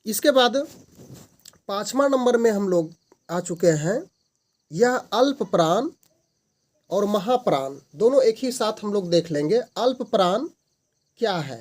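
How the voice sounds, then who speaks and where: A man's voice: high-pitched, a little mellow. A man teaching a grammar lesson as the host of his channel, stating each definition and then restating it in simpler words.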